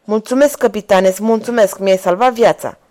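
A woman's voice: mid-range voice, mellow, close to an everyday voice. A woman reading aloud, voicing a daring young male horseman on the run who talks in defiant exclamations. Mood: elated. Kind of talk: audiobook character reading.

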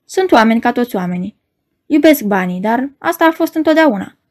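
A masked male magician muses on people in a calm, meditative tone, as a woman reader puts him on. He sounds aloof and world-weary, the voice slightly high. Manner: meditative, unhurried.

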